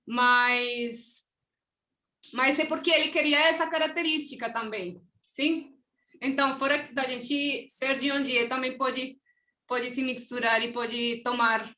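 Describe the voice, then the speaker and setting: A woman's voice: fairly high pitch, sharp tone, echoey room. A Colombian woman, a native Spanish speaker, answering questions on an online academic panel with a Colombian accent, hesitant and searching for words, often ending with a tag question. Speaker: conference presenter. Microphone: video call.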